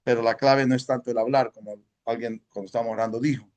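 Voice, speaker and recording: A man's voice: medium pitch, fairly even intonation, quick pace, a little mellow. A man from El Salvador teaching a Sunday school class at church, speaking conversationally and often checking in with his listeners. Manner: mixes in English words.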